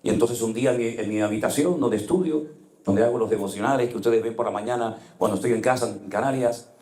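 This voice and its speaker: A male pastor preaching a sermon, telling stories with passion and dropping to hushed tones at times. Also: mid-range voice, fast talker. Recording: echoey room.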